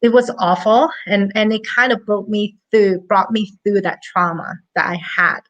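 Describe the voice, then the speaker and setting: A woman's voice: medium pitch, fairly even intonation, moderate pace, muffled recording. Earnest woman from Hong Kong. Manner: earnest, chatty, with light laughs. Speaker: guest, money coach. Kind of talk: casual interview storytelling.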